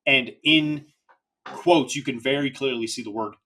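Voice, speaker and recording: A man hosting a casual podcast, talking in an animated, rambling way with lots of filler asides. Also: medium pitch, unhurried. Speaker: podcast host.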